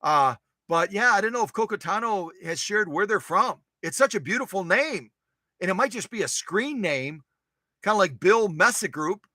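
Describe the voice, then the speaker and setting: A man hosts a casual livestream for his sewing machine restoration channel, playfully reading and answering viewer comments and often repeating himself. His high voice is animated, pushed and bright at a moderate pace, with no echo.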